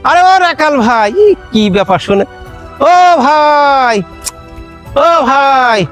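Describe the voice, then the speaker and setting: A man's voice: extremely high pitch, slow pace, a bit bright, soft background music, exaggerated voice. An actor playing a fussy, bumbling male village matchmaker, pleading and repeating himself in a rural comedy skit. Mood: chatty. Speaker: comic actor.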